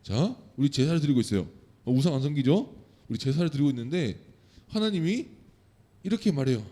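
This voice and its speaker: A man's voice: on the high side, lively intonation, a little fast, warm tone. A man giving a sermon to children, asking them questions and answering them himself. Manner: acts out quoted lines of God and the people. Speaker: children's pastor.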